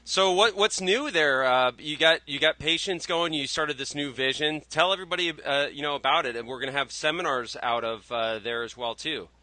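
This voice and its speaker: A man's voice: on the high side, brisk, few pauses, sharp tone, dry recording. A man hosting a show in casual interview chat. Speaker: show host.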